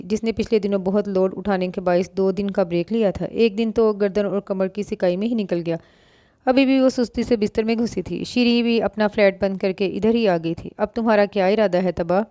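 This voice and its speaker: A woman narrating a novel in a steady, even storytelling voice. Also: mid-range voice, no echo, studio quality. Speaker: audiobook narrator.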